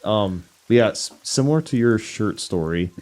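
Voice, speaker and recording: A young man casually telling stories on a podcast, acting out quotes with big jumps in his voice. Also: normal speed. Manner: animated, acts out quotes with big pitch jumps. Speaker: podcast co-host. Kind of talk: casual storytelling chat.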